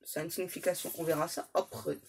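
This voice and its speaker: A woman's voice: lowish voice, little pitch movement, fast, a little mellow, slight background noise. A woman tarot medium giving a casual reading, playful and slangy, with joking asides to her spirit guides.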